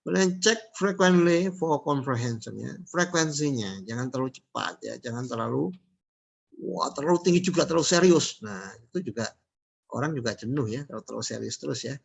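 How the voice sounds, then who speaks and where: A middle-aged man giving a casual spoken lecture, reading out English terms slowly and then restating them. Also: medium pitch, vocal fry, slightly rough. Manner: relaxed, repeats points and reads out English terms slowly.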